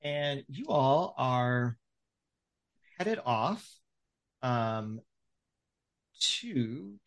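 A man's voice: medium pitch, lively intonation, extremely slow. A man running a tabletop game as game master, narrating in a rambling way, full of "like" and "um". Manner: rambling, many "like" and "um" fillers.

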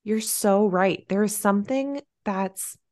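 A young woman co-hosting a casual podcast chat, gentle and supportive in a reflective way. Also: mid-range voice, takes it slowly. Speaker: podcast co-host.

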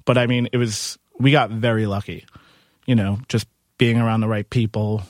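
The sound is clean studio audio without echo, and the man's voice is lowish with fairly even intonation at a moderate pace. A bar and music venue owner from Queens, he's an interview guest telling casual stories and slipping into quoted speech.

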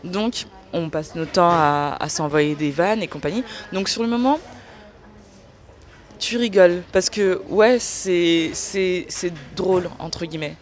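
A young woman in an interview, speaking candidly and earnestly about her own experience, often pausing to search for words. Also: lowish voice. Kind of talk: candid personal testimony.

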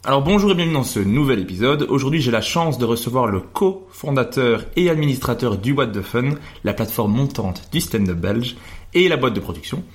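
A man's voice: medium pitch, lively intonation, fairly quick. A man hosting a podcast interview in a conversational way.

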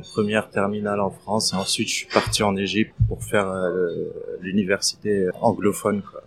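A man in his thirties from Palestine, telling his life story as an interview guest, hesitant with many fillers and restarts. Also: lowish voice. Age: 30s. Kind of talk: casual interview testimony.

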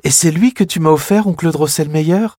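Clara, a man putting on an excitable little girl. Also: a little fast, dry recording, clean studio sound, lightly acted. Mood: pleading. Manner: bright, excitable, shrill when angry. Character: lively young girl, eager and quick-tempered. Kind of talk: storybook reading.

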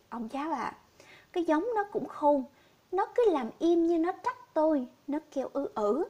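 A grieving poor old village man, read by a woman narrator, pleading and sorrowful. The voice stays high and light. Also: a little mellow.

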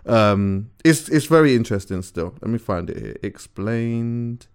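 A man's voice: fairly low pitch, expressive, measured pace, clean tone. A man, co-hosting a podcast in casual, rambling chat. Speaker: podcast co-host.

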